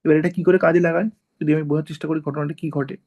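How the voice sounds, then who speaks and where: A man teaching an informal class, walking students through each point and pausing to check they follow. His voice is gravelly with a fry, and it sits a little above the usual male pitch. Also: steady tone, darkish tone, poor audio. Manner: explains step by step, often checks with "ঠিক আছে?".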